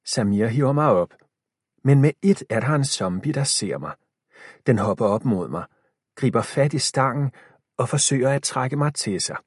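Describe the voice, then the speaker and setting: A man narrating a children's story in the first person, expressive and shifting pace with the tension. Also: medium pitch, husky, no room sound, studio quality. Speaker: audiobook narrator.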